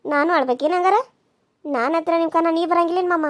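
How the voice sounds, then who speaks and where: A woman's voice: very high-pitched, quick pace. A woman voicing a scheming young second wife in a cartoon serial. She taunts and bosses the others around. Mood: taunting. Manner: taunting, bossy.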